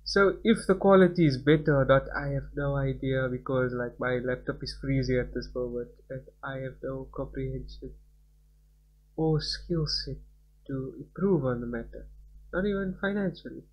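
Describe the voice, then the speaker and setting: Medium in pitch, the voice belongs to a young man hosting a gaming channel, narrating a casual let's-play by reading game text and then rambling with frequent self-interruptions. The recording is rough, and music can be heard behind him.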